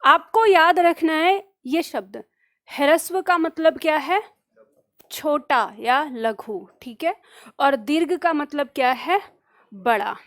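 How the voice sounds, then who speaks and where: A woman with a high voice leads an online exam-prep lesson. She repeats each phrase slowly so students can copy it down, then asks a question and answers it herself. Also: a bit bright. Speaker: Hindi grammar teacher.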